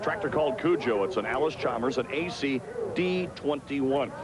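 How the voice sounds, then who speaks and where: A man's voice: mid-range voice, normal speed, over a noisy crowd. A man working as a tractor pull announcer and TV host, commentating in a folksy, showman-like sportscaster style. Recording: loud engine and outdoor vehicle noise. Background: roaring vehicles outdoors.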